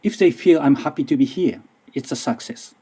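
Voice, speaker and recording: A middle-aged Japanese university lecturer gives a conference presentation in English, his second language, with a Japanese accent. His mid-range voice is dark and husky at a normal speed. He speaks carefully and a little nervously, restarting often.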